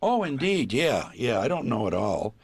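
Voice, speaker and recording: A man who is a volunteer reader, chatting easily in an interview and often pausing to find his words. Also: mid-range voice, very animated, slightly rough, dry recording. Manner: easygoing, halting with many pauses. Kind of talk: casual interview chat. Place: small recording booth.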